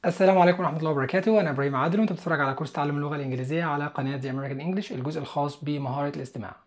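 A man's voice: fairly high pitch, rapid-fire, faint music behind. A man with an Egyptian Arabic accent teaching English listening skills in an online lesson, explaining step by step and speaking straight to the viewer.

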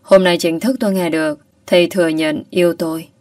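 A young woman narrating a first-person audio story in a soft, emotional way. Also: fairly low pitch, fairly even intonation, a little fast, dry recording, clean studio sound, distant mic.

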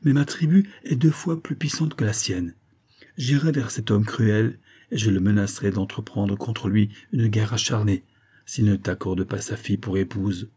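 A man's voice: lowish voice, normal speed, dark tone, husky. A man reading an audiobook, voicing a powerful young prince who speaks firmly. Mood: resolute.

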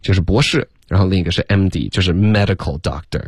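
A man's voice: sits low, fast talker, slightly rough, dry recording, clean studio sound. A man teaching English on a radio lesson, explaining sitcom lines and pronunciation, mixing English phrases into his Chinese.

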